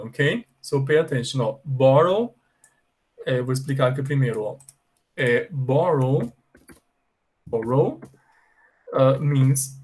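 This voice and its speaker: Brazilian male English teacher, mid-pitched and slow, patient and repetitive, heard over a video call. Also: darkish tone, low-quality recording. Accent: Brazilian Portuguese. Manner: patient, repetitive, checks in often with students. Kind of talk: bilingual online English class.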